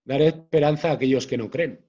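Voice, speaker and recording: A man, a guest author talking in an interview in a measured way, often restarting his phrases. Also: medium pitch, warm tone, husky, muffled recording. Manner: measured, hesitant with frequent restarts. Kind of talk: conversational interview.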